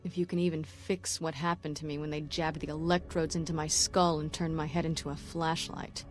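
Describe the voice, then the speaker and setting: An actress playing a hardened, grim operative with a sore throat, speaking tersely in video game dialogue. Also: female voice, deep voice, flat delivery, fairly quick, soft background music, lightly acted. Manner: terse, clipped, matter-of-fact.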